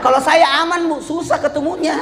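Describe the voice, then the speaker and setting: A man in his fifties giving a humorous religious talk to an audience. He jokes constantly and leaps into high squeaky voices. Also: fairly even intonation, a little fast, very noisy. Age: 50s. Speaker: preacher. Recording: hall reverb with faint crowd.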